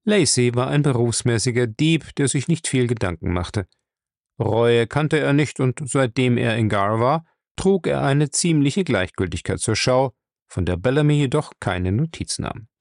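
Gravelly male audiobook narrator. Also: mid-range voice, no room sound, studio quality. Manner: steady, measured storytelling. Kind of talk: audiobook reading.

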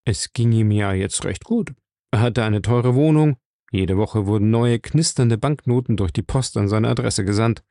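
A man narrating an audiobook in a measured, even storytelling manner, recorded close to the mic. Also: lowish voice, no echo.

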